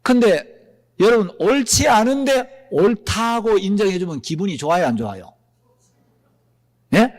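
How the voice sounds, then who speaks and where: Animated pastor preaching in a reverberant hall. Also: male voice, sits high, a little slow, pauses often. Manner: animated, with rhetorical questions to the congregation. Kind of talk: sermon.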